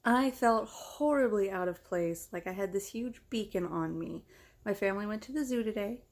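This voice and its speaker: A young American woman vlogs casually about herself, candid and self-deprecating in a conversational way. Her voice is medium-pitched and she talks at a normal speed.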